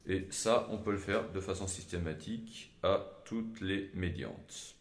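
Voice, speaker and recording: Deep-voiced man teaching in an echoey room. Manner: measured, explanatory, with frequent hesitations. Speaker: Gregorian chant teacher. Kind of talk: spoken lesson with sung examples.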